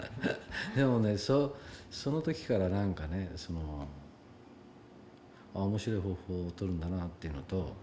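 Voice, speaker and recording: A man's voice: deep voice, animated, moderate pace, noisy background. A male actor giving reflective, hesitant interview answers with many fillers. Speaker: actor interviewed about his film.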